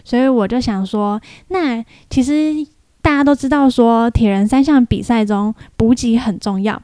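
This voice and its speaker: A woman's voice: on the high side, normal speed, dark tone, smooth, no echo. A young woman hosts a podcast, telling a story in a casual, chatty way and mimicking other people's voices in quoted lines. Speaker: podcast host.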